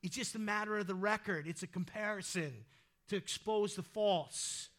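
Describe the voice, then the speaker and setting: A male pastor preaching a sermon in a conversational, energetic way that breaks into loud exhortations. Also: sits high, moderate pace.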